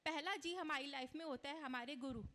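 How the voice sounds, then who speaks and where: High-voiced woman lecturing in a reverberant hall. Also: a little fast, sharp tone. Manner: earnest, instructive, mixes English words into Hindi. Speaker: astrology speaker. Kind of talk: conference speech. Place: conference hall. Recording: long reverb of a large hall.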